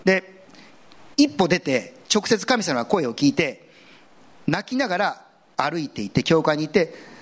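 A man delivers a sermon with the warmth of casual conversation, slipping in everyday asides. His voice sits a little high and swings widely in pitch as he presses his points home. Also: a little slow, pauses often, slightly rough. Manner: earnest, conversational preaching with lively swings in pitch. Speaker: pastor.

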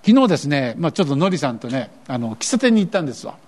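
A man's voice: a little high, big pitch swings, very fast. An older man preaching a sermon as pastor, asking his congregation questions and acting out the voices he quotes.

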